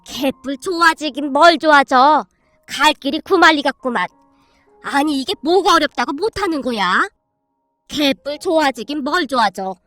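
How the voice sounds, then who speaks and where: Woman voicing a bossy old grandmother, slow drawling commands, rough tongue, dry close storybook voice. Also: high-pitched, lively intonation, a bit bright, no echo, soft background music. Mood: stern coaching. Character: stern bossy old grandmother coaching scolding.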